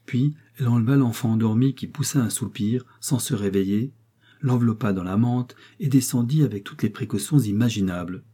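A man narrating a classic novel as an audiobook, in a steady, measured reading. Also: mid-range voice, breathy edge. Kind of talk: scripted narration.

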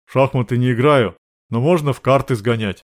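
Guy reading calm guard boss, no smile, flat threats, audiobook. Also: mid-range voice, fairly quick, natural voice. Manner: flat, unsmiling, matter-of-fact. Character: older male guard boss, calm and stern.

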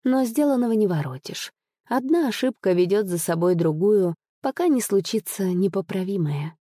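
A woman reading a novel aloud as the narrator, with an even storytelling delivery. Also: mid-range voice, moderate pace, dry recording, clean studio sound. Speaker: audiobook reader. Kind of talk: scripted narration.

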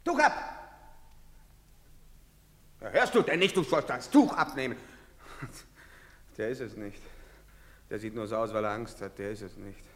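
An actor playing a brutal soldier who shouts curt orders and mocks people in an old German radio play. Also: male voice, on the low side, animated, a little slow, long pauses, long reverb tail. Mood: mocking. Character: brutal barking man, soldier rounding up townsfolk.

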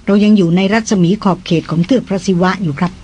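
A reader voicing a polite male jungle guide in an audiobook, calm and reassuring in manner. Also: high-pitched, quick pace, slight background noise, natural voice. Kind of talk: audiobook dialogue.

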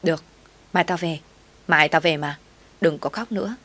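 A woman reading the lines of a brash, loyal young woman friend who talks bluntly and roughly out of worry. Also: deep voice, normal speed, fairly bright tone. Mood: worried. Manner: blunt, rough-talking, anxious.

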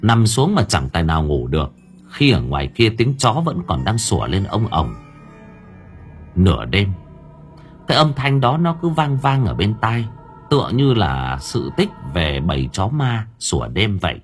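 A man narrating a story with lively, expressive storytelling. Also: on the low side, moderate pace, faint music behind. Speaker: audiobook narrator.

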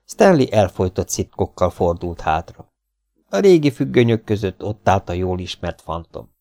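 A man reading a pulp adventure novel aloud as an audiobook narrator, with a steady, dramatic storytelling delivery. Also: deep voice. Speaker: audiobook reader. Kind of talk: scripted narration.

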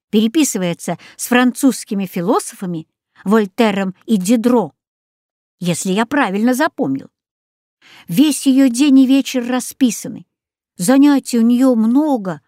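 Slow, expressive woman storybook reader. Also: a little high, dry recording, studio quality. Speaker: audiobook reader. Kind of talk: storybook reading.

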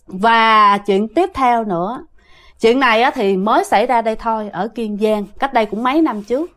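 A woman with a Southern Vietnamese accent telling a ghost story, animated and often speaking directly to her listeners. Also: fairly high pitch, moderate pace.

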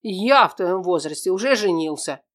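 A woman doing a gruff blacksmith father. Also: lowish voice, animated, close to an everyday voice. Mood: mocking. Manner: gruff, commanding, slow and loud. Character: stern gruff village blacksmith father, middle-aged man. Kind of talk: audiobook character voice.

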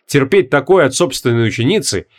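A man narrating a fantasy audiobook in an expressive, animated reading. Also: medium pitch, a little fast. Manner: animated, voices characters.

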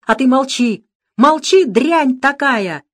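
A woman's voice: mid-range voice, brisk, pitched above the performer's own voice, close to an everyday voice. A woman doing a panicky, whining male banker. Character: frightened, blustering male bank director. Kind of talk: audiobook character reading.

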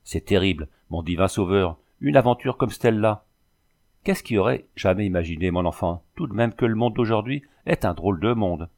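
A man's voice: fairly low pitch, lively intonation, moderate pace, darkish tone. A man voicing a talkative, curious old widow in a storybook, folksy and pious in manner. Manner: loquacious, folksy.

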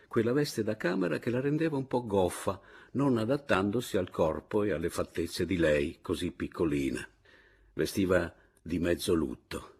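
A man narrating a literary audiobook in the first person, expressive and measured. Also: low-pitched, breathy edge.

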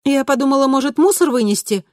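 A woman voicing an eerie teenage double of a girl, speaking calmly with cool mockery. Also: high-pitched, fast, voice pushed up, close to an everyday voice. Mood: cold, calm. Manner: calm, coolly mocking.

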